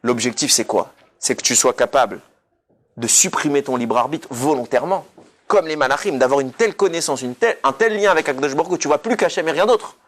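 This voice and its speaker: A rabbi delivers his weekly Torah talk as a passionate sermon, speaking quickly in a higher-pitched male voice. He is emphatic, climbing almost to shouts, and weaves Hebrew terms into his casual speech.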